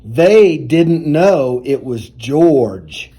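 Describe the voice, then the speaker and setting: With a fairly high, slightly rough voice, a man reads a children's picture book aloud in an animated and deliberate storytelling style.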